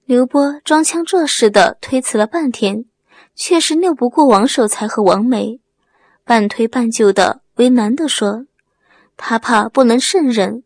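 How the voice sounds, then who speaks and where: A woman tells a serialized story in a steady, even-paced reading voice. Her tone is slightly husky and sits a bit high. The recording is dry and close, with no room sound. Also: measured pace, no echo. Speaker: narrator. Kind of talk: storytelling audiobook narration.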